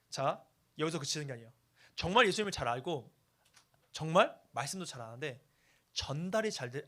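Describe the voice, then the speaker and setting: A man's voice: fairly high pitch, a bit bright. Playful young man preaching to teens. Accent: Seoul Korean, with Chungcheong traces. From Chungcheong, Korea. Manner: playful, jokey, acts out quotes in dialect. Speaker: youth pastor. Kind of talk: youth sermon.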